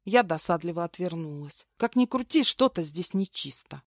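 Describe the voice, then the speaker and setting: A woman giving lively first-person audiobook narration into a close mic. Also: fairly low pitch, normal speed, dry recording.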